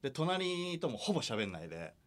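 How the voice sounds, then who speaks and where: A man hosting late-night comedy radio, telling an animated story and acting out other people's lines with lots of laughter. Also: mid-range voice, fairly quick.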